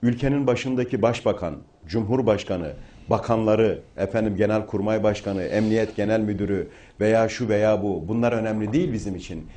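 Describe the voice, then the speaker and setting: A middle-aged man in a talk show discussion who builds from calm reflection to forceful, rousing speech. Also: lowish voice, brisk, hardly any pauses. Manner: rising to forceful oratory.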